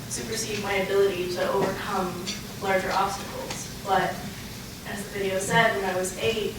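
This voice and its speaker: A young adult woman giving an earnest, prepared acceptance speech as an award recipient, halting with pauses as she goes. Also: medium pitch. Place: large echoey room, live event. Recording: echoey, noisy room, distant mic.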